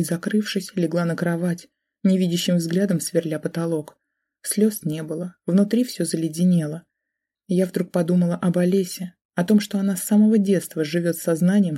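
A woman narrating an audiobook in the first person. Her voice is mellow and dark with a husky edge, and she tells the story with emotion. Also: lowish voice, fairly even intonation, normal speed.

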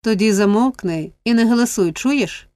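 A woman's voice: on the high side, normal speed, a little mellow, no echo, pitched above the performer's own voice, natural voice. A woman voicing a sly old male thief boss who talks in a sneering, mocking way. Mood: mocking menace.

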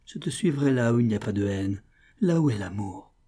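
A man's voice: lowish voice, lively intonation, brisk, dark tone, breathy edge. Man voicing a proud, anguished rebel woman commander. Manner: fierce, commanding, then tearful.

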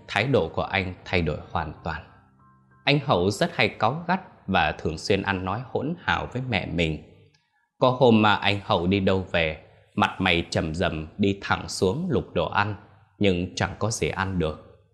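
A man narrating a ghost story in a steady storytelling manner. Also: low voice, normal speed, faint music behind.

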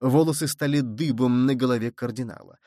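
A man narrating an adventure novel in steady, measured storytelling. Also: medium pitch, no room sound, clean studio sound. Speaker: audiobook narrator. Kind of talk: scripted narration.

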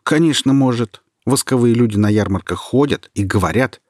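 A man's voice: medium pitch, normal speed, darkish tone, no room sound, studio quality, pitched above the performer's own voice, natural voice. A man reading aloud and voicing a young male charcoal burner who speaks brashly and stubbornly. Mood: scornful. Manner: brash, then firm and defiant.

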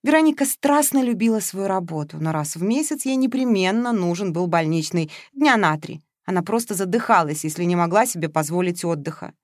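A woman reading a novel aloud as narrator, in an even storytelling manner. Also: fairly low pitch, a little fast, few pauses, no room sound, clean studio sound. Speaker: audiobook narrator. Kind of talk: scripted narration.

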